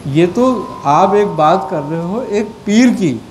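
A man from Pakistan, high-pitched and lively in intonation, teaches religion to a gathering and takes their questions. He often checks, rhetorically, that his point landed, with slight noise in the background.

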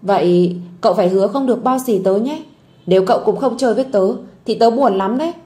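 A woman's voice: medium pitch, fast talker, lightly acted. A woman voicing a sweet little girl who is tearful and clingy, in a storybook audio drama. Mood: eager. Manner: bright childlike pleading.

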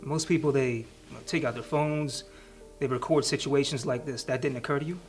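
A man's voice: medium pitch, fairly even intonation, a little fast, faint music behind, close to an everyday voice. A man in his thirties acting as a tough, sardonic police detective, blunt and probing in a naturalistic interrogation scene. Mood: sceptical pressing.

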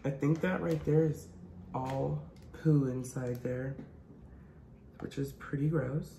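A man chatting casually to camera in a food vlog, excitable and quick to swear, with nervous laughs. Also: mid-range voice, vocal fry. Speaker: vlogger. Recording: echoey room with faint background hum.

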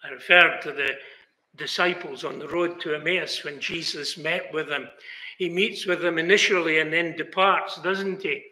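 The voice is a little high and steady, bright and forceful, moving at a moderate pace: an older British man giving an earnest chapel sermon that sometimes rises to exclamations. A fixed camera frames him seated in mid shot inside the echoing chapel hall.

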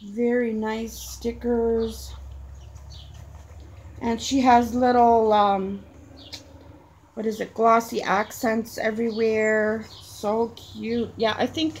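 A middle-aged woman chatting casually at home as she unboxes crafts with a child, coaxing gently and gushing over every detail. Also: on the high side, little pitch movement, takes it slowly, pauses often. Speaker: crafting channel host. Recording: clear background noise.

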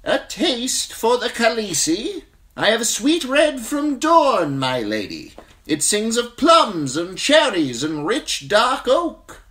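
A man voicing a small, flamboyant male wine merchant who hawks his wares in a high, drawn-out, theatrical cry. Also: huge pitch swings, a bit bright, heavily acted. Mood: hawking.

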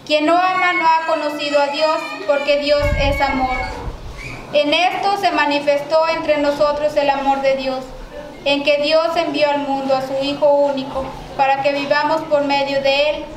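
A woman with a Mexican accent leading liturgical prayers and readings at a church mass, in a measured recited cadence with occasional restarts. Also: high voice, steady tone. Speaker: lay prayer leader. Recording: very echoey church with background noise.

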